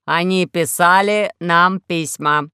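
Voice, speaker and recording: Gloomy robot safe for a storybook, woman reads it, slow, loud, grumbling, close and dry. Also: fairly low pitch, clear, resonant tone, no echo.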